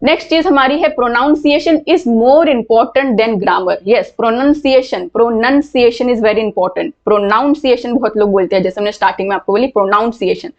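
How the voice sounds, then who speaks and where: Higher-voiced woman teaching in a muffled recording. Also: darkish tone. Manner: explains patiently, repeats words to model pronunciation. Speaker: English teacher. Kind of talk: online class lecture.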